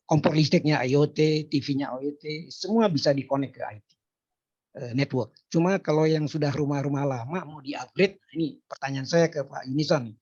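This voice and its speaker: A hoarse man explaining technology in a discussion and asking a question, with frequent hesitations. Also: mid-range voice, darkish tone, highs cut off. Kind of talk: casual discussion talk.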